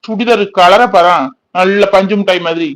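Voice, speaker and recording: A man's voice: a little high, fast talker, over a noisy crowd, close to an everyday voice. Man voicing a sarcastic, grumbling young son. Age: 20s. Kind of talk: cartoon voice acting.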